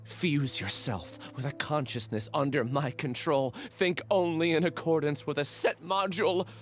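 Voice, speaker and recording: A man's voice: on the high side, normal speed, soft background music, natural voice. An actor playing an earnest, troubled man who was a test subject, in a video game. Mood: haunted. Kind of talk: video game dialogue acting.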